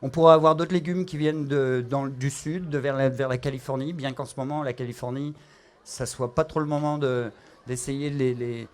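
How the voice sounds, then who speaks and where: A middle-aged man from France, a chef with a Parisian accent, explains a cooking demonstration at normal speed. He has a medium pitch and steady tone, but his delivery is broken up by frequent fillers and restarts.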